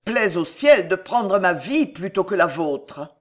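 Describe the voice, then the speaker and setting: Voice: medium pitch, sing-song, slow pace. A narrator doing a shaken, devoted young woman. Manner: shaken, earnest.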